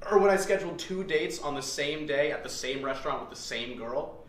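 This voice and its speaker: A man in a comedy sketch playing a clueless coworker who rambles deadpan. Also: a little high, brisk. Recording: echoey room, distant mic, noisy.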